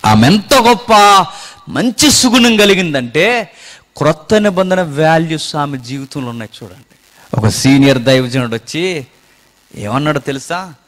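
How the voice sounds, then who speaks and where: A man preaching a sermon earnestly, swinging from loud exclamations down to low murmurs and urging listeners to listen closely. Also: lively intonation, moderate pace, pauses often.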